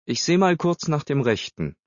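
Man doing a cocky teen boy, teasing, bright and high, dry dull audio. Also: sing-song, moderate pace, no echo. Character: cocky, sporty teenage boy. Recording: slightly dull dry recording.

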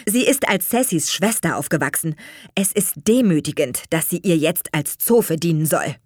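A woman's voice: on the low side, lively intonation, normal speed, darkish tone, no echo, clean studio sound. A woman voicing a firm, indignant young man standing up to his parents in an audiobook reading. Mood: firm defiant.

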